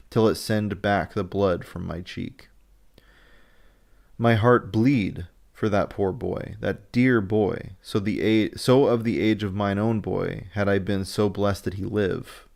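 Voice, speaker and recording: An old, sorrowful Dutch professor speaking in earnest, broken old-fashioned English, as a man reads him aloud. The voice sits low and gravelly. It is a storybook reading, not a stage performance.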